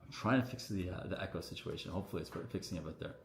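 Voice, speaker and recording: A man, a doctor, answering viewer questions on a casual livestream in a relaxed, chatty way full of fillers, his voice echoing around the room. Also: deep voice, very fast, vocal fry, slight background noise. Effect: echoing room sound on the stream. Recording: echoey room audio on a livestream.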